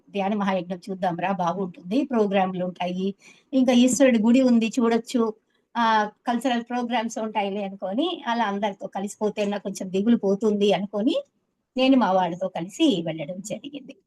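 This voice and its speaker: A woman's voice: medium pitch, darkish tone, poor audio. A woman in her seventies telling a personal story earnestly to an interviewer, acting out the words of others with feeling. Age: 70s. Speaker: meditation teacher.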